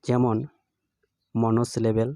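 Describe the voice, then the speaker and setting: A man teaching a grammar lesson, explaining slowly and evenly with a measured delivery. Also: medium pitch, completely flat delivery, dark tone, clear, resonant tone, dry recording.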